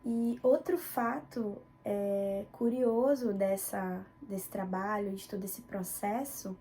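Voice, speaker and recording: Slow and warm, with a mid-range voice and fairly even intonation, this young Belém native delivers a student presentation about her own experience in her northern Brazilian Portuguese accent.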